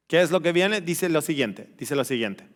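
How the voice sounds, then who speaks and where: A male pastor preaching a sermon, questioning the congregation and swinging from loud exclamations to hushed, slow emphasis. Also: a little high, lively intonation, in a large hall. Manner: addresses the congregation directly with questions.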